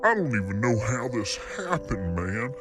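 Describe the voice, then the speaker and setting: A voice run through a disguising filter so the speaker can't be identified, as a performer puts on a despairing former season ticket holder who rambles in a folksy, hopeless way. The pitch sits in the middle of the range. Clear music plays behind it in this comedy promo. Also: sing-song, unhurried. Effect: voice altered to disguise identity.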